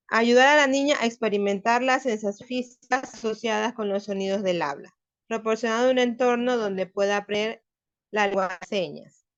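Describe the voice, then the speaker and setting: A woman student giving a class presentation, her voice set a little high. She reads her points aloud and explains them one by one. The sound is dull and lo-fi.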